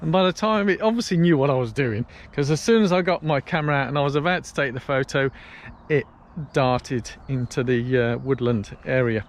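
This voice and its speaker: A man's voice: medium pitch, fairly quick, few pauses. A British man talking casually to his viewers as he walks outdoors, telling stories in a chatty vlog style. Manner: chatty storytelling while walking outdoors. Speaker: vlogger. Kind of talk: casual walk-and-talk vlog. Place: outdoors on a canal path. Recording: faint outdoor ambience and traffic noise.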